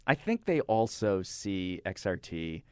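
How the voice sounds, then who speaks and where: An older man, a radio interviewer, talking in a rambling, halting way with lots of fillers and restarts. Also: low voice, very animated, smooth, dry recording, studio quality. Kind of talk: casual interview chat. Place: radio studio. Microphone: studio microphone.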